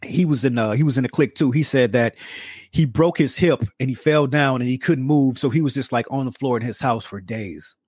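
A man's voice: medium pitch, brisk, a little mellow, husky, no echo. A man co-hosting a podcast in casual chat, talking in long rambling runs full of fillers, on a close mic. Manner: rambling, many fillers, earnest. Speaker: podcast co-host.

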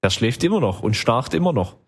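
Man, casual podcast chat, husky voice, rambling storyteller, lots of fillers. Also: medium pitch, big pitch swings, fairly quick. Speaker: podcast co-host telling travel stories.

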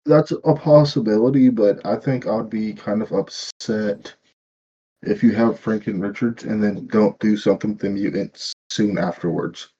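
A man co-hosting a casual podcast, calm and measured, agreeing and weighing in. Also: lowish voice, husky. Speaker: podcast co-host. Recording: dull lo-fi mic.

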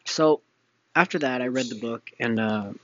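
A man's voice: medium pitch, normal speed, fairly bright tone, no room sound, dull audio. A young man hosting a casual solo podcast, rambling with many fillers and restarts. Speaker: podcast host.

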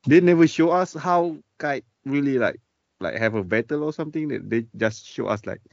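A man co-hosting a casual podcast, talking in halting bursts, repeating himself and laughing often. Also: mid-range voice, vocal fry, no room sound. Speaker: podcast co-host. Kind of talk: casual chat. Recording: dry, dull lo-fi sound.

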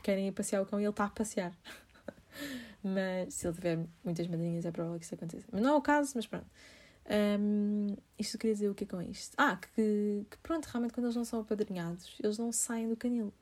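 A woman's voice: mid-range voice, darkish tone. A young woman, telling a story to her viewers in a chatty way, full of fillers and laughter. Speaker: vlogger.

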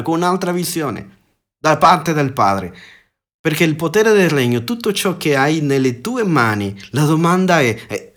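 A man giving a podcast sermon, earnest, asking rhetorical questions and often restarting words mid-phrase. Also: on the high side. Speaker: preacher.

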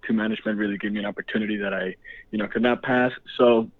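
A man's voice: on the low side, steady tone, racing, no echo. A young man from the Dominican Republic, a guest actor chatting casually, laid-back and laughing often. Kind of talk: casual interview. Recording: tinny phone line.

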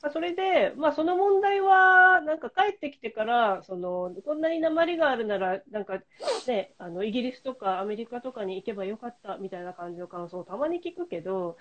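A woman's voice: a little high, animated, fairly quick, fairly bright tone. A woman hosting a podcast in casual chat, talking loosely with many fillers and steering the questions. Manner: chatty, lots of fillers, leading the questions. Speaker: podcast host. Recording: slightly dull lo-fi remote link.

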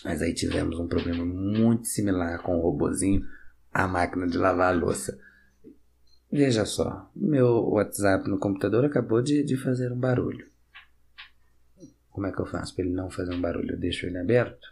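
A man with a Brazilian Portuguese accent telling a casual, self-mocking story to camera, acting out each side of the conversation with sudden jumps in pitch. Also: moderate pace, creaky, slight background noise. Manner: animated, acts out dialogue with sudden pitch jumps.

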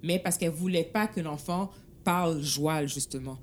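A woman's voice: sits low, normal speed, slight background noise. A woman with a Quebec French accent arguing her point in a casual discussion, dropping English words into her French.

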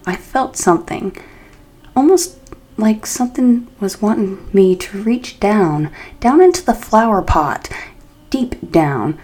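A woman narrating a spooky first-person story in a slow, deliberate, suspenseful way. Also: medium pitch, darkish tone.

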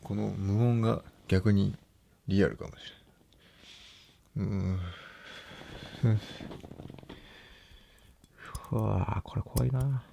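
A young man, quietly mumbling to himself at home late at night, nervous and hesitant. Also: fairly low pitch, fairly even intonation, slow, creaky, pauses often, a little hiss or hum. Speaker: vlogger.

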